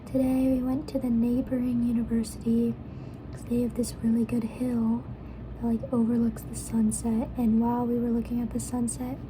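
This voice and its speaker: A young woman rambling softly in ASMR style while mukbang eating, talking between bites and slipping into whispers. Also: on the high side, monotone, normal speed. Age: young adult. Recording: clear background noise.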